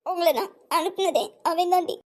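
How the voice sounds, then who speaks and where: A woman's voice: extremely high pitch, normal speed. A woman voicing a young woman betrayed by her lover in a cartoon, speaking with a Tamil accent, bitter and tearful. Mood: grieving. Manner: scornful, then sobbing and pleading. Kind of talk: cartoon dub acting.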